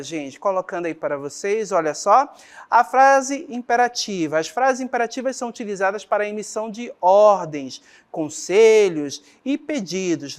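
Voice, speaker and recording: Professora brasileira explicando gramática. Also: female voice, medium pitch. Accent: Brazilian Portuguese. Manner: explanatory, checks in often with "certo?" and "olha só". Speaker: teacher. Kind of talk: classroom grammar lesson.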